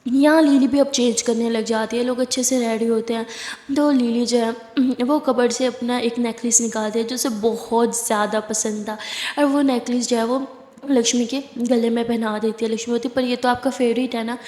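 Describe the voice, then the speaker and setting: A woman's voice: on the high side, steady tone, moderate pace, darkish tone. A woman telling a love story in a chatty, conversational way, with fillers. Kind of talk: casual spoken storytelling. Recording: roomy echo with long reverb.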